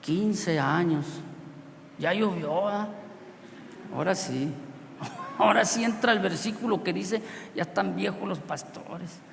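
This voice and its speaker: A Mexican preacher tells a story from the pulpit, his gravelly voice jumping between shouted lines and hushed, chuckling asides. His words ring out in a big hall with a long tail of reverb. A faint hiss sits under the recording. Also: high-pitched, measured pace, long pauses. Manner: animated, swings from loud outbursts to quiet asides, laughs often. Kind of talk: storytelling sermon.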